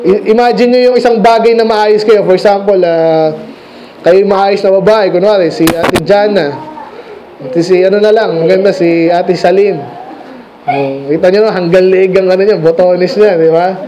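High-voiced man preaching a conversational sermon. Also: steady tone, normal speed, dark tone, a little hiss or hum, rough recording. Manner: conversational, asks the congregation questions; mixes English phrases into his speech. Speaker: pastor. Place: church sanctuary.

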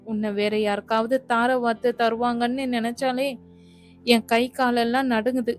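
A woman's voice: on the high side, little pitch movement, moderate pace, faint music behind, lightly acted. A woman voicing a smitten young man who worries about losing his sweetheart, read evenly. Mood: anxious. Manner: anxious, eager. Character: young lover Sakthi, anxious and smitten.

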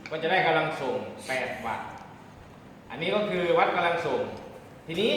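A man giving a hands-on demonstration lesson as an instructor, explaining politely step by step. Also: medium pitch. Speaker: radio communications instructor. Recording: very echoey room, background noise.

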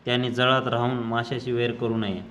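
A man's voice: medium pitch, little pitch movement, fairly quick, a bit bright, slight background noise, close to an everyday voice. A man voicing a domineering, possessive village headman who speaks sternly and commands the gathering.

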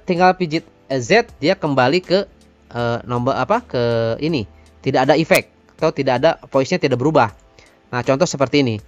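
A man, giving an informal software tutorial and addressing viewers like friends. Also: a little high, no room sound, dull audio. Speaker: tutorial presenter.

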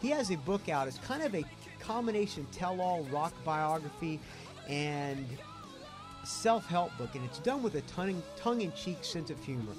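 A man's voice: on the high side, very animated, moderate pace. A man with a Southern US accent hosting a rock podcast, talking in an enthusiastic, rambling way. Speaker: podcast host. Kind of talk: casual podcast intro and interview. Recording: rock music playing underneath. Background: rock music.

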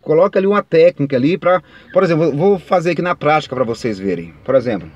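A man's voice: a little high, lively intonation, fast, a little mellow, dull audio. A man, giving casual singing tips in a chatty, rambling way, speaking straight to his viewers. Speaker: singing teacher. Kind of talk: casual vocal tips talk.

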